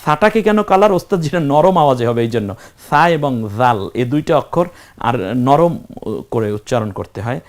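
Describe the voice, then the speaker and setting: A man's voice: medium pitch, lively intonation, normal speed. A man teaching Quran reading, asking questions and answering them himself while spelling out letters one at a time. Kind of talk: step-by-step recitation lesson.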